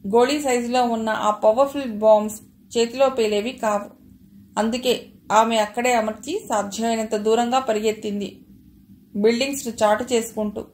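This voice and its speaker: Woman narrator for an audio novel, raised pitch, roomy echo. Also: fairly even intonation, moderate pace, a little mellow, a little hiss or hum. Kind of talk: reading a novel aloud.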